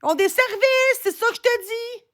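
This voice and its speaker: In a very high, slightly bright voice at normal speed, a woman with a Québécois French accent complains on her live stream. The rant is casual, agitated and rambling, with frequent swearing.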